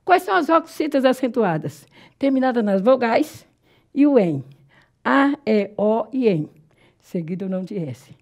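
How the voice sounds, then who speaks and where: A Brazilian woman teaching Portuguese grammar in a classroom lecture, explaining step by step, checking that the class follows, and slowly drawing out example words. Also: fairly high pitch, big pitch swings, a little mellow. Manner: drawn-out, slow spelling of example words.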